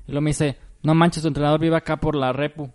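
A man's voice: on the high side, quick pace. A man telling a story to friends in casual, slangy talk, acting out the other people's voices. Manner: animated, slangy, acts out the voices in his story. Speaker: podcast co-host.

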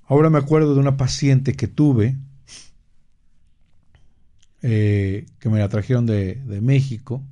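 A man hosting a radio health show, explaining terms and recounting a therapy case in a measured way, with frequent pauses and fillers. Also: medium pitch, mellow. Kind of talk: slow explanatory talk.

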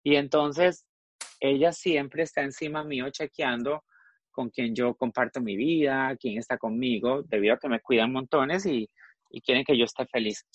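On a talk show panel, a woman with a bass voice chats casually at a moderate pace, spinning animated stories and performing both sides of phone calls and conversations. The recording has no echo, and the highs are cut off.

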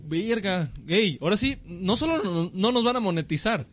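A Mexican man with a high, bouncy voice that swoops all over as he trades crude jokes on a podcast. He keeps teasing and scolding his co-host, laughing often. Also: animated, moderate pace. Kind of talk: casual crude banter.

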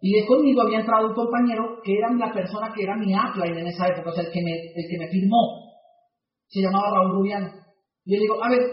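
A man with a Colombian accent and a very high voice tells a story to an audience and acts out each part of the conversation. He sounds far from the mic in an echoey room. The recording is dull and muffled. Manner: animated storyteller acting out dialogue. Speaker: motivational speaker.

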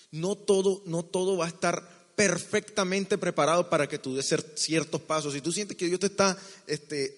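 A young man preaching a sermon in an earnest, personal way, often restarting his sentences and dropping to a hushed voice when he tells a story. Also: fairly high pitch. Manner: earnest, with frequent restarts and sudden drops to a hushed voice. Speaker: pastor. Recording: long hall reverb with faint music. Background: faint music.

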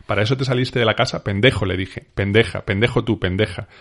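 A man with a Spain Spanish accent reads a novel passage aloud, voicing a furious young woman trading rapid insults with her brother. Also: fairly low pitch, a bit bright. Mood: heated. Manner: rapid, heated back-and-forth insults.

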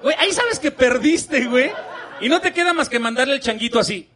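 A man's voice: extremely high pitch, expressive, fairly quick, noisy background. A man with a Mexican accent doing a crude stand-up comedy routine, swearing a lot and acting out women's voices with giggles. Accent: Mexican Spanish. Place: live comedy venue with laughing audience. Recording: live stage recording, crowd laughter.

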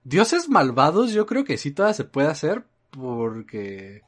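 A man with a Mexican accent in a relaxed, casual chat. He rambles and leans on filler words. His sentences often fade out softly at the end. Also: fairly high pitch, a little slow. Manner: rambling, frequent filler "este", trailing off softly.

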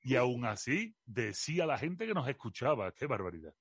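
A man in his forties with an Andalusian Spanish accent, a guest telling stories in a radio interview in a relaxed, colloquial way. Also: mid-range voice, moderate pace, breathy edge, no echo, clean studio sound. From Andalusia, Spain. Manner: relaxed, expansive, colloquial with swearing. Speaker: guest, philosophy communicator.

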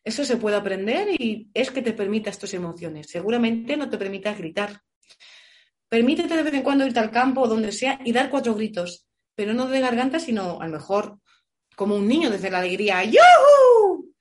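Woman voice coach giving advice, expressive, acts out shouts now and then. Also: on the high side, a little fast. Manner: warm, expressive, illustrates with shouts and playful voices. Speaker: voice coach guest. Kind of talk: advice answering audience questions.

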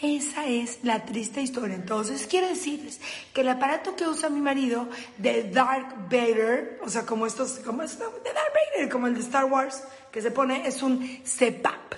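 A Mexican woman telling a comic story in a lively, laughing way, with crude slang and acting out the dialogue herself. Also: high voice, normal speed, roomy sound, big-room sound. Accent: Mexican Spanish. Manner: animated, laughing, crude slang, acts out both sides of the dialogue.

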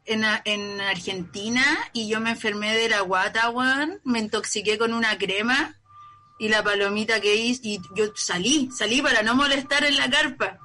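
A Chilean woman guest spins animated stories, swearing freely and acting out the voices of others as she laughs. Her voice is high and bright. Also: moderate pace. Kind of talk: casual storytelling chat.

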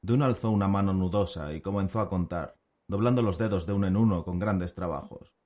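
A man narrating an audiobook in an even storytelling manner. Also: sits low, brisk.

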